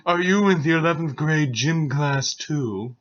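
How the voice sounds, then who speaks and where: A man's voice: on the high side, unhurried, reverberant, recorded from a distance, background noise, close to an everyday voice. A man reading a stern, cold swordsman. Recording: dull lo-fi recording.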